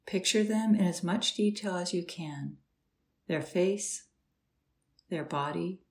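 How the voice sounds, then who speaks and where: A woman guiding a slow, soothing meditation with gentle instructions and long pauses. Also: fairly low pitch, creaky. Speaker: meditation guide. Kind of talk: guided meditation.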